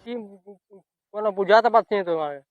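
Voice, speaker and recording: A man speaks haltingly and stumbles over his words. His voice is high and dry, and it comes through as a tinny, phone-like clip. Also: no room sound. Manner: stammering, halting. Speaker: content creator in a played clip.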